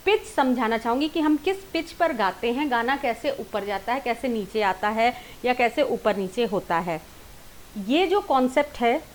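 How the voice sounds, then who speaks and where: In a fairly high voice, this singing teacher and series host guides a lesson step by step, repeating herself informally and dropping in English words. A bit of hiss or hum sits under the recording.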